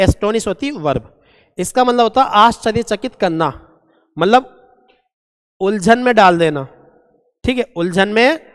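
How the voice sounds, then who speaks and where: High-voiced man teaching vocabulary, echoing hall. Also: clear, resonant tone. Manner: repeats words, quizzes students as "beta". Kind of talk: exam-prep vocabulary lesson. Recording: long reverb in a hall.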